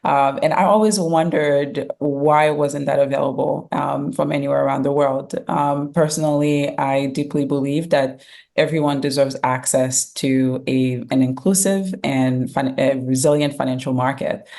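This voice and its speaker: Interview guest: middle-aged woman from Haiti, low voice, measured, thoughtful, lots of fillers. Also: steady tone, creaky, a little mellow. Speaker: guest, fintech founder and CEO. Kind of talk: conversational interview answers.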